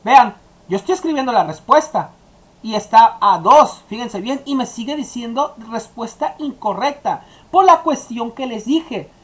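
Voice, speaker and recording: Woman, teacher, step-by-step coding tutorial, talks straight to students, slightly high voice. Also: expressive, measured pace. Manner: explaining step by step, addressing students directly. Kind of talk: screen-recorded coding tutorial.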